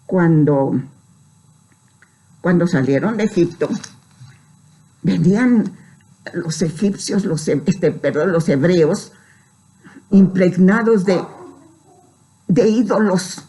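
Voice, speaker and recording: Female pastor, sermon delivery, measured slow pace, emphatic scripture reading, frequent "¿sí?" check-ins. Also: on the low side, warm tone. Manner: preaching with emphatic rises on scripture, frequent "¿sí?" tags.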